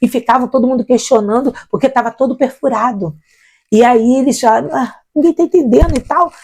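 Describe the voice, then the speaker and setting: A woman's voice: high-pitched, a little fast, husky. A middle-aged woman, a missionary guest, telling her personal faith testimony and acting out the voices of the people in it. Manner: animated storyteller acting out quoted voices.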